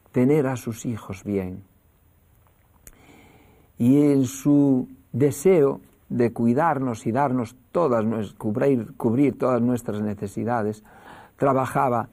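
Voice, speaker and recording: Male preacher, slow and gravelly, animated storyteller. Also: medium pitch. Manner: animated storyteller, acting out voices. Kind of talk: sermon storytelling.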